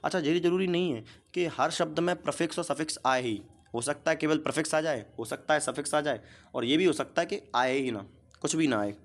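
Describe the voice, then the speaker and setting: A man's voice: on the high side, brisk. A man teaching a grammar lesson. He explains step by step, keeps asking short questions and answers them himself. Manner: asks questions and repeats the answers.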